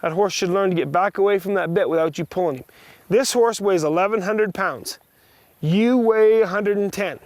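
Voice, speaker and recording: A man with a fairly high voice works as a riding instructor. He projects brisk commands to a student, then explains in plain, practical terms. The sound is dry and close, with no room ring. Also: a little mellow, no echo. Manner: short directives mixed with plain practical explanation.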